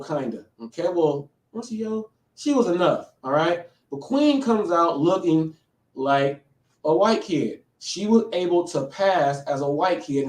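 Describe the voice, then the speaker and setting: In his late thirties, this man hosts a live show, rambling through casual commentary and frequently asking "okay?". His pitch is fairly high with a darkish tone, captured in an echoey room slightly distant from the microphone.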